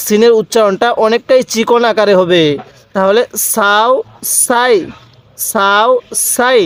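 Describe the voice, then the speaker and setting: A man with a fairly high voice leads a Quran reading lesson. He drills each letter pair again and again, naming the parts and then the joined sound, patient and steady. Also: no echo. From Bangladesh. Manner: repeats syllable drills slowly. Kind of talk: recitation lesson.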